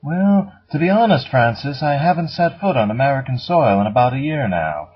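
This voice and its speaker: A man's voice: medium pitch, animated, normal speed, slightly rough. A man playing a pompous, wealthy playboy in a comedy sketch interview, with haughty, drawling airs. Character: pompous wealthy male playboy, tax-dodging snob. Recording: dull lo-fi recording.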